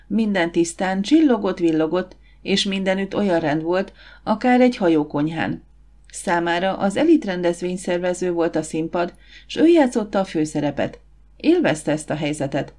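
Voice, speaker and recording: A woman narrating an audiobook in a measured, steady way. Her voice sits slightly low for a woman. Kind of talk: scripted narration.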